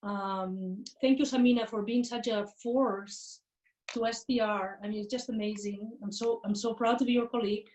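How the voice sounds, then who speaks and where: Casting: woman guest, halting and chatty, higher voice, heard from a distant video-call mic. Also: fairly even intonation. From Catalonia, Spain. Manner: warm, halting, with frequent fillers and repeats. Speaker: guest academic. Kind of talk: casual interview talk on a video call. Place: home in a rural area outside Barcelona, window open.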